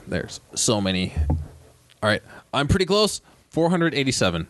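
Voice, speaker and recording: A man's voice: mid-range voice, big pitch swings, measured pace, a bit bright, no echo. A man running a tabletop game as game master, joking and laughing often as he narrates.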